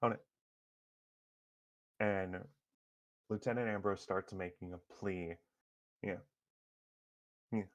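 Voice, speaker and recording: Slow, deep-voiced male game master. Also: fairly even intonation, lo-fi sound. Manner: halting, many fillers and restarts. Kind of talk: narrating a tabletop superhero game.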